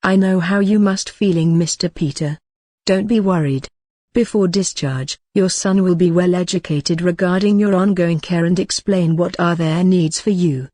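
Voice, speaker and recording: A woman playing a reassuring ward nurse in a scripted role-play, speaking gently, calmly and rather formally. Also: lowish voice, moderate pace, dry recording, clean studio sound, lightly acted. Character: reassuring female ward nurse counselling a patient. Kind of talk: scripted role-play dialogue for exam practice.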